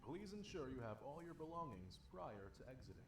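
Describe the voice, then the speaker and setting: A train announcer over a loudspeaker. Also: male voice, fairly high pitch, fairly quick, recorded from a distance, a little hiss or hum. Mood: announcing. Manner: formal, even announcer delivery. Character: adult male train conductor making announcements. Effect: public address announcement over a loudspeaker.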